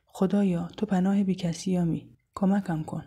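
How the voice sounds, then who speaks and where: Husky young woman narrating anxiously. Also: fairly low pitch, steady tone, warm tone. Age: young adult. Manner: anxious, intimate inner monologue. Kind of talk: first-person audio story narration.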